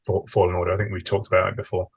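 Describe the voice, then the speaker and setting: Husky low British man, wry chat. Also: little pitch movement, racing. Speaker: podcast co-host. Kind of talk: casual chat.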